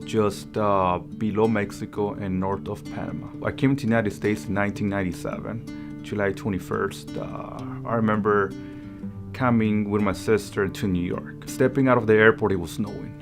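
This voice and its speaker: A man from Honduras, a state police motor carrier officer, speaking earnestly with some halting fillers. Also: lowish voice, steady tone. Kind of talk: interview testimony. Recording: music bed underneath.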